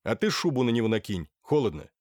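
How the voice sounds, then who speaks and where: A man voicing a brisk, curt doctor who gives orders in an audiobook. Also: medium pitch, big pitch swings, a little mellow, no echo, studio quality. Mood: commanding. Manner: commanding, curt. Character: brisk decisive male doctor, middle-aged.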